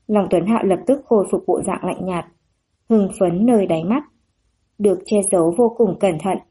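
Woman audiobook reader, steady delivery, dark and mellow tone. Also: medium pitch, slightly rough. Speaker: narrator. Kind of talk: audiobook narration of a novel.

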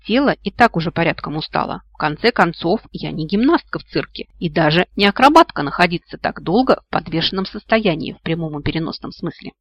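A reader narrating a first-person fantasy audiobook in a lively way, exclaiming when voicing the heroine. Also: medium pitch, fairly quick, few pauses, no echo. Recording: dry, muffled, dull-sounding recording.

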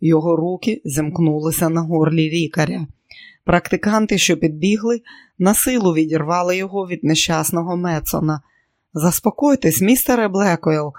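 An audiobook narrator reads with dramatic expression in a middle-pitched voice. The sound is dry and close to the mic. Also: fairly even intonation, normal speed, no echo.

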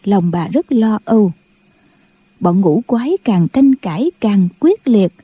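Husky woman narrating an audiobook. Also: mid-range voice, takes it slowly, dry recording. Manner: steady storytelling. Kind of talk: scripted novel narration.

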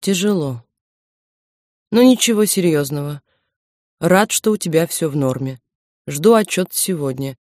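A woman's voice: low voice, expressive, a little slow, long pauses, darkish tone, no room sound, clean studio sound. A woman voicing a tired, terse father who talks in a clipped, businesslike way. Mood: weary businesslike. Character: tense terse middle-aged businesslike father on phone.

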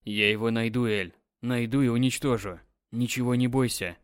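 A man voicing a calm, insistent, controlling husband in an audiobook, soothing but commanding. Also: mid-range voice, normal speed, clean tone, no echo, studio quality, lightly acted. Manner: firm, soothing yet commanding. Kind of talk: audiobook character reading.

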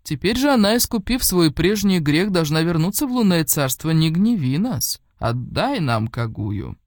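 A woman reading an audiobook, putting on the slow, imperious voice of a stern male celestial leader. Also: on the low side, very animated, darkish tone, dry recording, clean studio sound. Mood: commanding.

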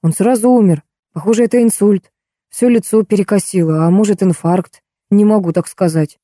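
A woman's voice: medium pitch, normal speed, no echo, studio quality, natural voice. A woman voicing a weary, gloomy male ambulance doctor in a storybook reading. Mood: grim. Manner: gloomy, flat.

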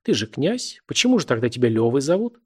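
A man's voice: medium pitch, very animated, quick pace, husky. A man voicing a sly, insinuating young man who mocks and probes his old school friend, in an audiobook reading. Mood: probing. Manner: mocking, insinuating, laughs a lot.

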